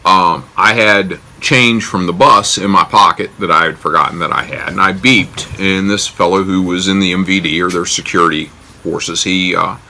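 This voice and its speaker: An American man with a low, gravelly voice recounts a personal story in a casual, wry way. His tone is bright and forward, and he pokes fun at himself as he goes. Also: steady tone, normal speed. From United States. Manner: wry, self-deprecating, joking.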